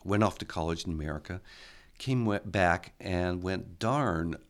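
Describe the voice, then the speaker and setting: A man raised in the Netherlands, answering interview questions with animated storytelling. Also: sits low, unhurried. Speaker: architecture school head, interviewee.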